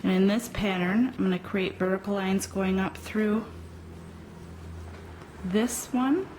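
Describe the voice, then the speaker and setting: A woman explains a crochet technique at a slow, unhurried pace, hesitating with ums as she works. Her pitch sits in an ordinary middle range. A faint hum of room ambience runs behind her. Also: a little mellow, rough recording. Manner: slow, hesitant with frequent ums, talking while working. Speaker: crochet instructor. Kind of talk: step-by-step tutorial.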